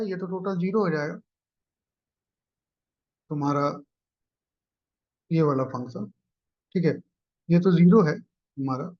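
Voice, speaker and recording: A man teaching exam-prep economics math, explaining each step and checking in with students. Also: high voice. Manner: explains step by step, often asks "clear?" and "ठीक है". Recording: dull lo-fi recording.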